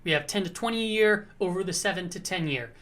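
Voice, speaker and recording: This is a casual market commentary hosted by a woman who sounds a little hoarse; she chats through the charts and regularly checks in with viewers. Expect a lowish, fairly bright voice moving at a fairly quick clip.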